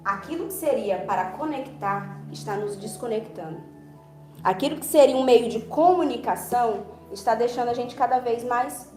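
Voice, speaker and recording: A woman's voice: on the high side, dark tone. A woman pastor preaching a conversational sermon, acting out little dialogues along the way. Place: church hall. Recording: roomy church hall with faint music.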